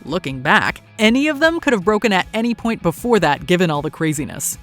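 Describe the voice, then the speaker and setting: Woman narrator doing a countdown, lively pitch, bit of music under. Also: brisk.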